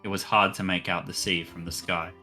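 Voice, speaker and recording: A man reads game narration in a steady first-person voice, low-pitched with a bright, forceful edge. A noise gate keeps chopping off his quieter syllables, so word endings drop out. Faint music plays behind him. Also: brisk. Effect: noise gate cutting off quiet syllables, choppy clipped word endings. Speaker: visual novel reader. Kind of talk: reading game narration aloud.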